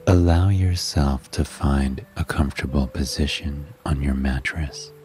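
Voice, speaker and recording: A man narrating a sleep story as host, in a calm, hushed, soothing manner that lingers on words. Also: rumbling low, a little slow. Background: music.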